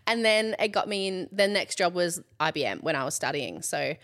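A woman in her thirties with an Australian accent, a content creator, chats as a guest in a casual interview, filling her speech with "like" and laughing often. Her voice is on the low side and a bit bright, and she sounds very animated and brisk.

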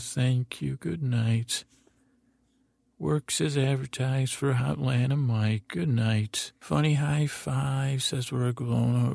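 A man hosting a sleep podcast in the calm, gentle, rambling manner of a bedtime story narrator. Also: medium pitch, creaky, no room sound, clean studio sound. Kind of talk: soothing bedtime sleep-story narration, saying good night to listeners.

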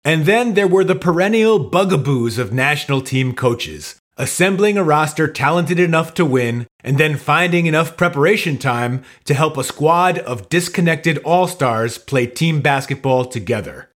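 A man giving scripted narration for a sports podcast in a measured, informative delivery. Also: fairly high pitch, animated, a bit bright.

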